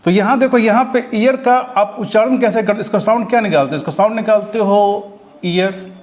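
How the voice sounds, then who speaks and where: A man's voice: high-pitched, fairly quick, a little mellow. A man from India teaching English grammar to students, explaining step by step, asking rhetorical questions and checking in often. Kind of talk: classroom grammar lesson.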